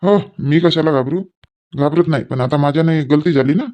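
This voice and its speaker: A man's voice: a little high, moderate pace, mellow, highs cut off. A man playing a village husband in a comic sketch, coaxing and placating his wife. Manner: coaxing, placating, rustic banter.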